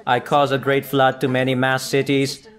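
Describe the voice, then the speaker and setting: A man's voice: mid-range voice, completely flat delivery, normal speed, a bit bright, close to an everyday voice. A man playing a sinister water-pump machine. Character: sinister male water-pump machine plotting world domination.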